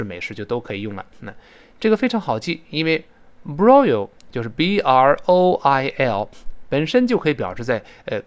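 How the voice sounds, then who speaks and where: Lively male English teacher. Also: on the high side. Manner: explains words, spells them, models pronunciation. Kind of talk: spoken English lesson.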